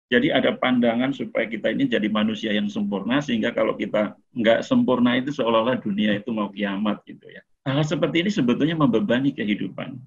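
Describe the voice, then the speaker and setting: A man's voice: mid-range voice, slightly rough. A middle-aged man giving a casual lecture to an online audience as a webinar speaker, talking in a conversational way with frequent "eh"s and light chuckles. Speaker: webinar speaker on mental health. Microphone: video call. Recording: muffled lo-fi video-call audio.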